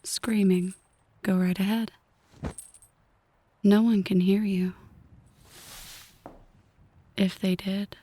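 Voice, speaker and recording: In an ASMR roleplay, a woman plays a possessive yandere mafia boss, speaking slowly in a half-whisper. Her mid-range voice is mellow and slightly rough, and she sounds mock-affectionate yet coolly menacing.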